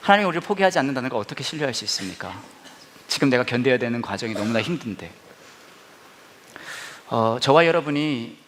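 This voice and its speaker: Animated Korean pastor, lively storytelling sermon. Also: male voice, mid-range voice, slight background noise. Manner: animated, acts out his own reactions and prayers.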